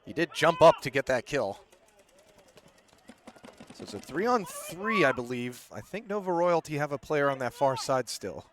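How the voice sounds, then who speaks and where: A man giving brisk play-by-play commentary at an outdoor paintball event, with easy laughs between calls. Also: fairly high pitch, sing-song. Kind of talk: live sports commentary. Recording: outdoor mic with loud ambient noise.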